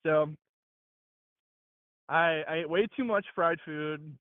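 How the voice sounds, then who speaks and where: A man in his late twenties from Mississippi, calling in over a phone speaker and telling a long, rambling story while he walks, with many halting restarts. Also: a little high, no room sound. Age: late 20s. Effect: heard over a phone speaker. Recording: tinny dry phone line.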